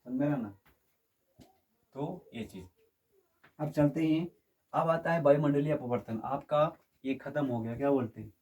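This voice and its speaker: A man's voice: medium pitch, moderate pace, long pauses, darkish tone, muffled recording. Distant male teacher quizzing his class. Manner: quizzes students with repeated questions and checks understanding. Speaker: physics teacher. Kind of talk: classroom lecture.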